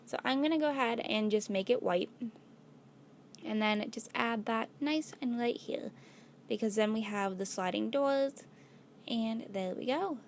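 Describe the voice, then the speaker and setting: A woman's voice: fairly high pitch, measured pace, slight background noise. Chatty woman losing her voice. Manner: thinks aloud, chatty, many "like"s and "gonna go ahead". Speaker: host narrating a build video. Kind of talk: casual gameplay voice-over.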